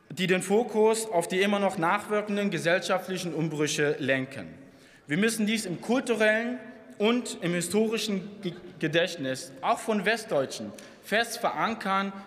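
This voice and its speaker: In a reverberant parliament chamber filled with audience murmur, a young man who serves as a member of parliament and comes from Saxony in eastern Germany speaks at a lectern microphone. His high, somewhat bright voice drives a combative, passionate speech.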